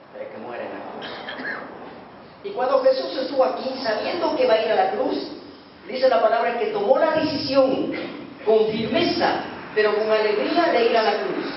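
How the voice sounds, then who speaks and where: Pastor, man, high voice, emphatic sermon delivery that drops to near-whispers; recorded from far off in a booming hall. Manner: emphatic preaching, swings from loud to hushed. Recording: echoey hall from far off, dull and noisy.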